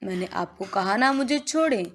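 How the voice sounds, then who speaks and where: A woman's voice: mid-range voice, expressive, natural voice. A woman reading a young wife's lines in a storybook, flustered and anxious. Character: young wife, angry then frightened.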